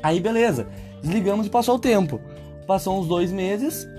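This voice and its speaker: A man's voice: sits high, moderate pace, mellow, soft background music. A young Brazilian man hosting a casual podcast, telling a story with teasing energy and playful voices. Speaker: podcast host.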